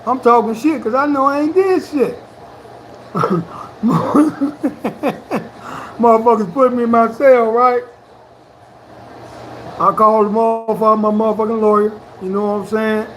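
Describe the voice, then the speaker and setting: A man's voice: extremely high pitch, fairly even intonation, moderate pace, fairly bright tone, a little hiss or hum, low-quality recording. A middle-aged man recounting his past in casual, profane street slang, often checking in with the listener. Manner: profane street slang, keeps saying "you know what I'm saying". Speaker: interviewee. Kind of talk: casual storytelling.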